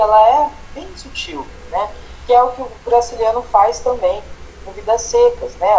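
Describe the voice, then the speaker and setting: A Brazilian-accented male teacher talks through a grammar class in a patient, explanatory way. He keeps tagging his points with quick checks to his students. The room has a faint hiss behind him. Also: very high-pitched, a little mellow, low-quality recording. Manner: explanatory, tags phrases with "né?" and "tá?". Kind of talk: online grammar lesson.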